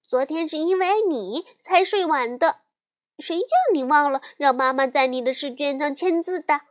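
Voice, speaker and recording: Woman doing a shrill angry little girl bear. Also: moderate pace, lightly acted. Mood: angry shouting. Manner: shrill yelling. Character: young girl bear cub, hot-tempered, shouting back.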